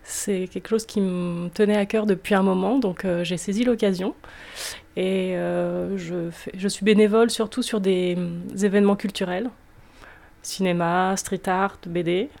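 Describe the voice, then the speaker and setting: A woman's voice: mid-range voice, fairly even intonation, measured pace, vocal fry, a little mellow. A woman who volunteers, introducing herself hesitantly with many fillers. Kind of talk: self-introduction.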